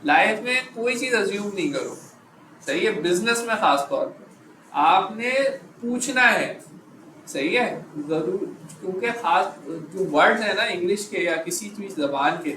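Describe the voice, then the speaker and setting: A man teaching a live class, quizzing his students and stopping often to check that they follow, slowing right down on the key phrases. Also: high voice, expressive, pushed and bright. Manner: slows down to stress key phrases. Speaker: instructor. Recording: echoey room, background noise.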